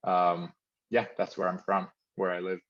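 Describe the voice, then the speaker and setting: A man's voice: low-pitched, monotone, a little slow, dull audio. A man from Mozambique, a company founder, explaining his work thoughtfully over a video call, with many fillers. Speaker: company founder, interview guest.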